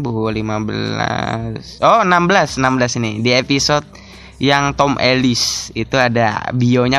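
A young man hosts his own podcast alone, rambling through thoughts in a mid-pitched voice. He cuts himself off mid-word and laughs often, and faint music sits quietly under his talk. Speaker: podcast host. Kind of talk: casual solo podcast chat.

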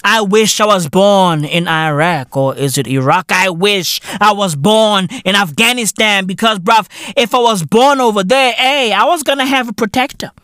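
A man from Africa, hosting a podcast in a loud, rambling, profane comedic monologue full of slang and laughter. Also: high voice, normal speed, few pauses, clear, resonant tone, no room sound, clean studio sound. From South Africa. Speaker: podcast host.

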